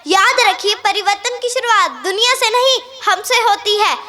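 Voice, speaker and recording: A woman's voice: extremely high pitch, moderate pace, noisy background. A teenage girl, a student speaker, delivering an earnest, declamatory formal competition speech in a school auditorium.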